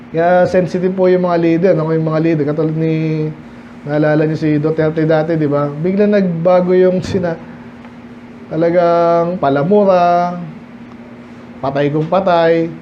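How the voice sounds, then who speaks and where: A pastor with a high voice leads a midweek Bible study sermon, reading each verse in English and then unpacking it in relaxed, conversational Filipino. He speaks a little slowly, pauses often, and keeps posing rhetorical questions to his listeners. The church recording is dull and lo-fi, with a faint hiss behind him.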